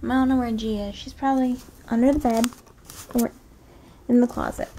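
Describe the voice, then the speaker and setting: A woman's voice: fairly high pitch, fairly even intonation, dark tone. A young woman vlogging casually at home in an informal, rambling way, full of "like" and "kinda". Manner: informal, drawn-out asides with frequent "like" and "kinda". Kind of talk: casual daily vlog chat. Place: at home, indoors. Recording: clear background noise, home ambience.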